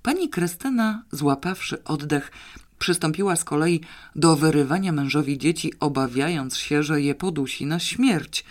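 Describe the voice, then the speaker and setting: Lively audiobook narrator. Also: mid-range voice, moderate pace.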